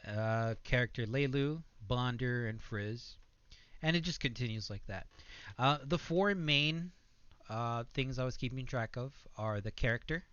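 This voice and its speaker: Bright-voiced young man reading a text adventure. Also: medium pitch, unhurried, clear, resonant tone, dry recording, lo-fi sound. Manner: shouts character lines loudly, narrates plainly, hesitant with fillers when explaining. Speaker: student presenting a coding project. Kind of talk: reading a text adventure aloud, then explaining code.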